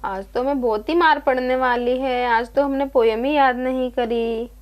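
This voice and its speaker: A woman with a high voice tells a doll play about a school class. She speaks the schoolgirls and the teacher in her own voice, switching straight from one to the next. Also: steady tone, normal speed. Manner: plays every child and the teacher herself in one voice. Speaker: doll-play narrator and voice of all characters. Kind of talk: Barbie doll story play.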